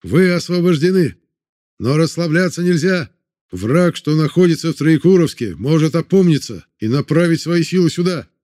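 A man shouting as a commanding military commissar. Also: fairly high pitch, expressive, moderate pace, pitched above the performer's own voice, natural voice. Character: gruff military commissar shouting orders to crowd.

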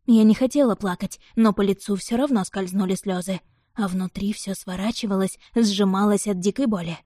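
Female audiobook narrator, first-person fiction, mellow dark tone, dry close recording. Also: mid-range voice, normal speed, dry recording.

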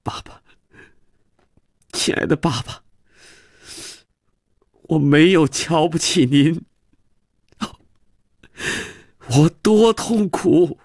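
A man voicing a young boy who shouts in fury and sobs in distress, with shrill outbursts. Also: huge pitch swings, drawn-out words, gravelly, long pauses, husky, no room sound, studio quality, heavily acted. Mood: tearful. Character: young boy, angry then tearful.

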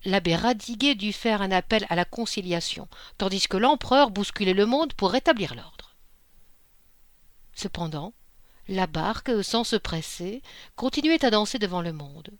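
An audiobook reader, a woman with a medium-pitched voice, narrates a classic short story in a measured, expressive way. There's no room sound.

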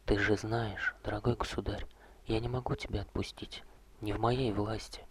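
A man doing a hushed old vampire courtier. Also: on the low side, little pitch movement, slight background noise, close to an everyday voice. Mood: sorrowful. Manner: soft, slow, hushed, often whispered. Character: old male vampire courtier, gentle, weary, ironic.

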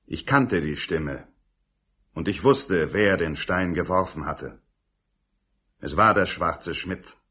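A man narrates his family's past in a scripted radio drama. The voice is deep and breathy, with grave, wistful storytelling. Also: animated, takes it slowly, pauses often, sharp tone, full character voice.

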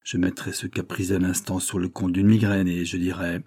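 A man's voice: low-pitched, flat delivery, moderate pace, darkish tone, breathy edge, dry recording, studio quality. A man voicing a scheming, proud young society widow in an audiobook, speaking in a brooding monologue.

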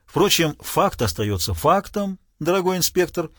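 A man's voice: a little high, very animated, unhurried, fairly bright tone, no room sound, clean studio sound, pitched above the performer's own voice, exaggerated voice. A man reading an audiobook, playing a witty lawyer who needles a policeman with ironic courtesy. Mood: teasing. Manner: ironic, thoughtful, teasing. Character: witty, sardonic male lawyer, mock-polite.

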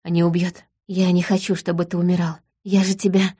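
A woman voicing a tearful young female fairy in an audiobook, speaking softly and pleading. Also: fairly low pitch, little pitch movement, fairly quick, husky. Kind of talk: audiobook reading.

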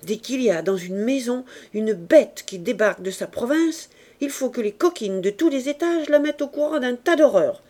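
A woman voicing a stout, imperious bourgeois mother who scolds and accuses her maid in loud, raised outbursts, in an audiobook reading of a novel. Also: fairly high pitch, expressive, fairly quick, few pauses, voice pushed up. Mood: furious.

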